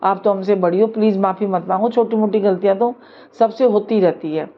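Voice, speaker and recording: A woman's voice: medium pitch, a little fast, muffled recording, natural voice. A woman voicing a kind, well-mannered young friend who comforts an older woman, in a told family story. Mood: soothing. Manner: soothing, respectful.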